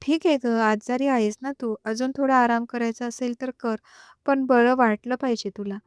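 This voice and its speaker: A woman reading as a hot-headed young husband in an audio story who scolds his wife loudly, his lines delivered in a smooth, clear voice that sits a little high. The sound is dry and close. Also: steady tone, moderate pace, no room sound, natural voice. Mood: gentle. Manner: shouting, scolding. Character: short-tempered young husband, man.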